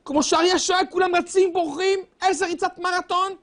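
A man delivering a sermon, preaching in a fervent sing-song cadence with long, drawn-out wails. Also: very high-pitched, steady tone, fairly bright tone.

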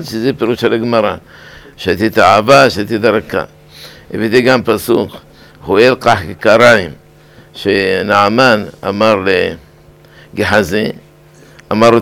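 An older man, a rabbi, giving a weekly sermon on scripture and law, talking deliberately and repeating words for emphasis. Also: lowish voice, gravelly.

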